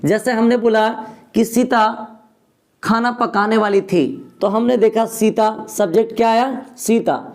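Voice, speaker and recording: A man leads a grammar lesson, spelling out each formula at an unhurried, deliberate pace. His voice sits fairly high, and he often pauses to ask his students if they follow. He livens the lesson with playful rhyming asides. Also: steady tone, darkish tone. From Gaya, Bihar, India. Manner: slowly dictates formulas, keeps asking "correct?", rhyming asides. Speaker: English teacher. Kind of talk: Hindi-medium grammar lesson.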